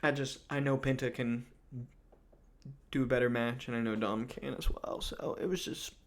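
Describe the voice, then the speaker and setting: A man's voice: mid-range voice, steady tone, normal speed. A man hosting a casual wrestling recap, talking loosely with lots of fillers and restarts. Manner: rambling, many fillers and restarts.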